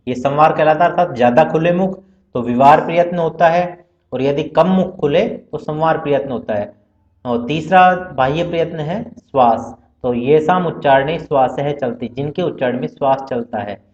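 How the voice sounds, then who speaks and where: A man gives a methodical grammar lecture. He lists Sanskrit terms one after another and explains each in turn. His voice sits a little high, and the recording is roomy and muffled. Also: darkish tone.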